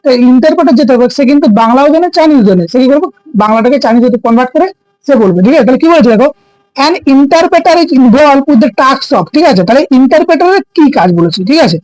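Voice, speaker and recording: Male teacher, high voice, dry close sound, keeps checking students follow. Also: expressive, racing, darkish tone, dry recording, rough recording. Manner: keeps asking students "ঠিক আছে?"; explains by asking and answering his own questions. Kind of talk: exam-prep lesson.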